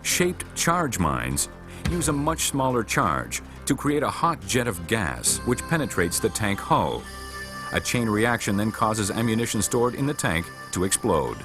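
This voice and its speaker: Over music, a man reads scripted instructional narration for a military training film, measured, formal, and matter-of-fact. His voice is lowish with a sing-song quality.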